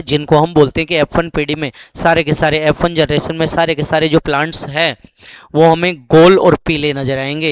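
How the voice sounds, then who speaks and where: A man's voice: a little high, clean tone, dry recording. A man teaching a biology lesson for exams, explaining step by step and answering his own questions, giving each English term with its Hindi equivalent. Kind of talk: exam-focused biology lesson.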